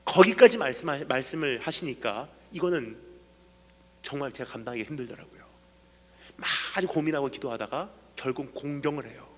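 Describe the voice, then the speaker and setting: A middle-aged man preaching a revival sermon as a missionary, telling a personal story and swinging from hushed tones to sudden shouts. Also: mid-range voice, expressive, moderate pace, long reverb tail. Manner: acts out quoted voices, swings from hushed to shouting. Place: church sanctuary.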